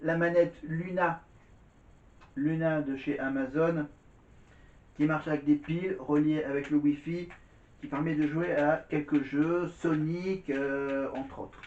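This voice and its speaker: A man's voice: a little high, steady tone, takes it slowly, darkish tone, slight background noise. Rambling man vlogging in an echoey room. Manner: rambling, repeats words and says "voilà" often. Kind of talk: casual vlog chat to camera. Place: indoors at home. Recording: echoey room, dull lo-fi sound.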